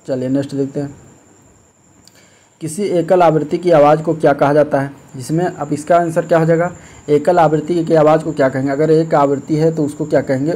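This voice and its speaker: A man teaching as an exam-prep tutor, working through practice questions step by step and often checking in with "okay". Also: fairly high pitch. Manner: steady explanatory, repeats "ठीक है", frequent fillers. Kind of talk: explaining practice test questions.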